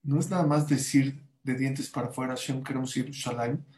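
Rabbi guy spinning a lively travel story, mid-pitched voice. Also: slight background noise, poor audio. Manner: lively anecdotal storyteller, quick asides. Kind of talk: storytelling talk on a panel.

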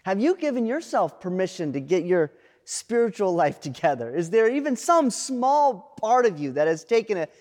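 A man preaching a sermon as pastor, dramatic, with pauses and repeated refrains. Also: high-pitched, darkish tone, in a large hall. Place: church sanctuary.

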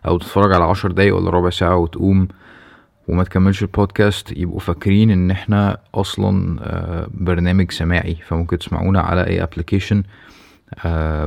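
A man's voice: low-pitched, vocal fry, a little mellow. A man with an Egyptian Arabic accent, a podcast host making a casual solo announcement to his listeners.

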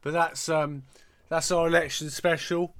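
A man's voice: fairly high pitch, flat delivery, unhurried, fairly bright tone. A man playing a rambling conspiracy-theorist host. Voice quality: rambling, crude innuendo. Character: self-important male conspiracy-theorist host. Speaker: podcast host. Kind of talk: comic character podcast.

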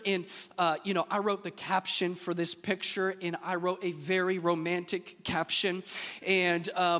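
High-voiced joking pastor in a hall. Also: male voice. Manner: lively, joking storyteller talking straight to the crowd. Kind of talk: sermon with personal stories. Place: church stage. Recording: long hall reverb.

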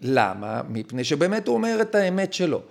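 A man's voice: a little high, very animated, vocal fry. A male podcast guest explaining his ideas in an emphatic, lecturing way. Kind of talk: conversational explanation.

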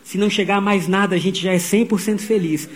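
A middle-aged man, preaching a sermon and telling stories in a lively way. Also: sits high, fairly quick. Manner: animated storytelling, voicing quotes. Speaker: pastor.

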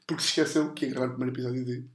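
A man's voice: medium pitch, level tone, rapid-fire. A man hosting a podcast in a home with casual, joking talk. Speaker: podcast host. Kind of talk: casual comedic chat. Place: indoors in a home. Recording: roomy, echoey home recording.

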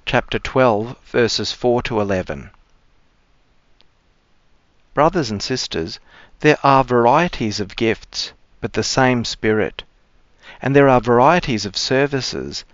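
A man speaking as a cleric, giving measured, formal scripture readings and reflection. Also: mid-range voice, no room sound. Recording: dry, slightly dull close sound.

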